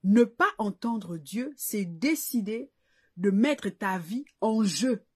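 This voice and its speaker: A woman preaches in a slow, deliberate way, building her points through rhetorical questions. Her voice sits fairly high and has a soft, breathy edge. She speaks to a live online audience as if from a pulpit. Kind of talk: sermon-style live chronicle.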